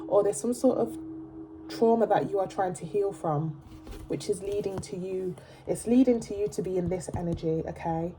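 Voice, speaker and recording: A woman's voice: mid-range voice, moderate pace, noisy background. A woman with a blocked nose giving a casual tarot reading to camera, chatty and emphatic, often checking in with "okay?". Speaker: tarot reader.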